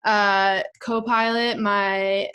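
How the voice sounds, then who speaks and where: Host casting: young woman, bubbly and teasing, unhurried delivery, easy laughs. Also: medium pitch, little pitch movement, bright, forceful tone, clear, resonant tone. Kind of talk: casual video interview.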